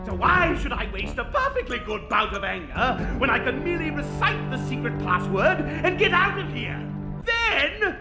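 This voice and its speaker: A man's voice: very high voice, sing-song, moderate pace. A male actor voicing a vain, short-tempered reptile king in a cartoon, theatrical and pompous, swinging between purring menace and shrieking rants. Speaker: cartoon villain. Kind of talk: exaggerated cartoon voice acting. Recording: loud background music, cartoon soundtrack.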